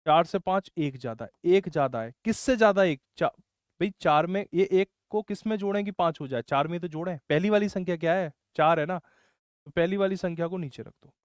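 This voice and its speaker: A man teaches maths in an online class, talking in a high, smooth and clear voice. He walks through each step and scolds students who get stuck. The sound is dry and close, with no echo. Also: fairly quick. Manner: scolding, explains step by step, says bhai often.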